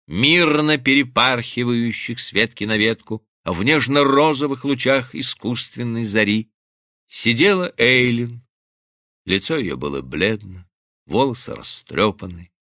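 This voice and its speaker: A man's voice: mid-range voice, sharp tone, dry recording. A man narrating a novel as a scripted audiobook, reading expressively and dramatically into a studio mic.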